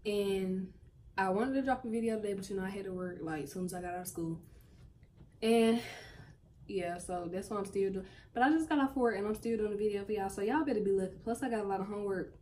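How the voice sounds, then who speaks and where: A woman's voice: medium pitch, fast talker, darkish tone, slight background noise. A young woman in her late teens, chatting casually to her viewers at home in a slangy, direct way. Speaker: vlogger. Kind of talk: casual vlog chat.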